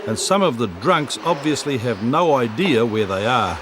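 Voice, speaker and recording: A man's voice: mid-range voice, sing-song, normal speed, background noise. New Zealand man narrating a police documentary.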